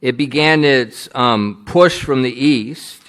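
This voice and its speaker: An American man preaching a sermon in short, emphatic phrases, pausing for his interpreter. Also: medium pitch, a bit bright. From United States.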